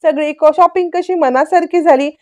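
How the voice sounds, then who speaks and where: Woman doing a stubborn young wife talking back, high and sulky. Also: moderate pace, darkish tone, close to an everyday voice. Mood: defiant. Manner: defiant, sulky.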